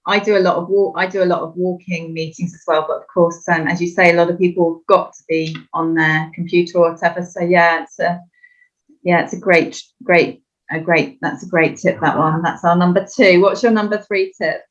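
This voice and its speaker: Woman host, low voice, relaxed chat, muffled lo-fi recording. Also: brisk. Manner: relaxed, chatty, laughs easily. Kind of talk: casual interview chat. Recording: dull lo-fi sound.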